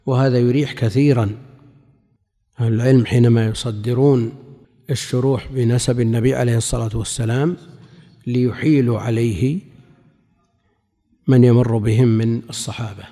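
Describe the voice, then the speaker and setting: A man teaching a religious lesson, explaining a classical commentary in a measured way, with pauses between phrases. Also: mid-range voice, steady tone, dark tone. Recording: long hall reverb.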